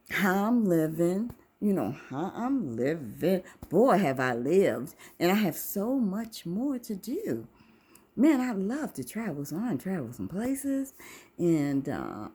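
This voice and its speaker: A woman in her fifties talks to her viewers in a slow, unhurried ramble. Her voice is husky and breathy, and her pitch swoops up and down a lot. She muses about faith and life as she wanders from thought to thought. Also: darkish tone. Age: 50s. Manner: talkative, wandering, faith-centered, musing. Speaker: vlogger, channel host. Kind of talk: casual rambling monologue to camera.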